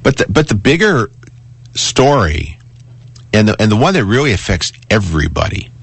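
A man's voice: lowish voice, big pitch swings, moderate pace, vocal fry, slightly rough, dry recording. A man hosting a talk radio show in a casual, conversational way, repeating and restarting phrases for emphasis. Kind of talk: casual talk radio monologue and caller chat. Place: radio studio. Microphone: close studio broadcast microphone.

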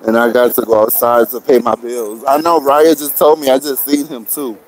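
Walking a busy city street with a phone camera held or worn, a breathless, sweaty vlogger talks casually to his livestream, welcoming viewers and pleading for shares. His mid-range voice is flat and moderately paced. The recording is rough, with traffic and city commotion in the background.

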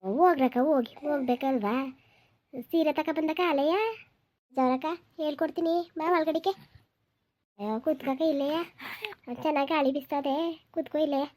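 A woman voicing a calm neighbor village woman in a comedy cartoon, speaking softly. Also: normal speed, long pauses, natural voice. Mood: soothing. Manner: soft, lower and quieter, soothing.

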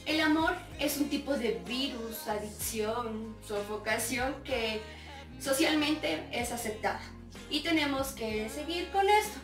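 A young woman performs a theatrical monologue with high, slow, drawn-out delivery. She shifts into dramatic sobbing and sing-song wailing. The mic is far off in an echoing space with faint music behind. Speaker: stage performer. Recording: roomy sound from a distant mic, faint music.

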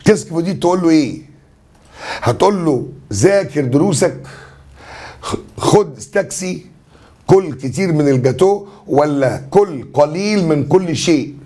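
A man's voice: a little high, lively intonation, normal speed, mellow. A man with an Egyptian accent, a French teacher going through exam answers in a chatty, joking way. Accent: Egyptian Arabic. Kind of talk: exam review lesson.

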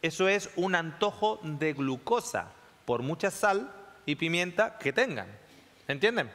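A man's voice: fairly high pitch, expressive, a little slow, fairly bright tone. A man giving a classroom talk to a live audience, often checking in with listeners and repeating phrases. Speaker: lecturer. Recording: long hall reverb.

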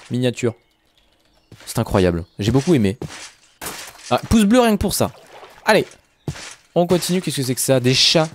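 A young man talks his viewers through a survival game in a loose, chatty way, calling them his friends. His pitch sits in the middle but swings widely, jumping into high exclamations. Faint noise sits under the voice. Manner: jumps into high exclamations and drawn-out words. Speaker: gaming video host. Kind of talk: casual Minecraft let's play commentary.

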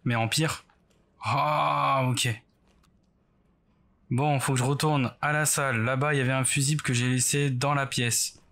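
A man's voice: medium pitch, steady tone, a little slow, gravelly, pauses often, fairly bright tone. A man doing casual let's play commentary as a horror game streamer, rambling nervously and self-mockingly as he talks to himself. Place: bedroom at home, indoors.

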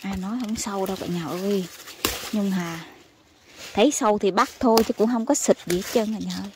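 A woman from Vietnam, chatting excitedly to her viewers as she picks vegetables in her home garden outdoors. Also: medium pitch, fairly quick, noisy background. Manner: chatty and exclamatory, calls viewers family. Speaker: gardening vlogger. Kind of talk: casual chat to viewers while harvesting.

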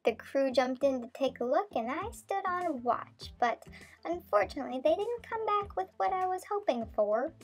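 In this scripted vlog narration, a woman speaks as a bubbly young dog describing life aboard a sailboat, throwing in puns and pirate speak. Her high voice is expressive at a moderate pace, with music running under it and a playful mood.

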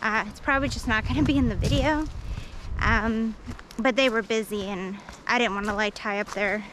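A woman's voice: fairly high pitch, steady tone, normal speed, noisy background. A woman hiking alone and talking to an action camera on a forest trail, rambling with lots of fillers and poking fun at herself. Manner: rambling, self-deprecating, many fillers. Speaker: hiking vlogger. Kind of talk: casual vlog narration while hiking.

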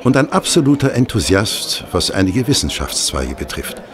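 An actor playing Stamford, an affable, chatty former hospital assistant doctor, in a radio play. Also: male voice, fairly low pitch, big pitch swings, normal speed. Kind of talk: German radio play acting. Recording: restaurant crowd murmur behind. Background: restaurant chatter.

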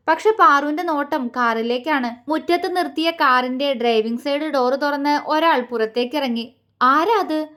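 A woman narrating a romance audio story in an expressive storytelling manner. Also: sits high.

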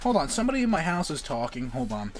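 A player talking casually while gaming at home, excitable and prone to shouting. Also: mid-range voice, quick pace, over music. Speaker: gamer co-host. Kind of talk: casual gameplay banter.

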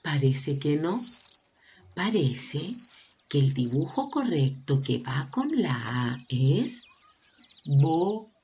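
A woman teacher gently leading a slow vowel lesson for preschool children, asking them questions and praising them. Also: deep voice, big pitch swings, background noise. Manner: affectionate, encouraging, asks children questions. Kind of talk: slow, sing-song lesson for young children.

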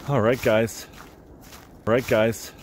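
A man's voice: little pitch movement, slow. A man vlogging as he hikes a wooded lakeside trail, talking easily to the camera he holds and often restarting his phrases. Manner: easygoing, chatty, repeats and restarts phrases. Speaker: hiking vlogger. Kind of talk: casual walking commentary to camera. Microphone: handheld camera or phone held by the walker. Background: faint highway traffic.

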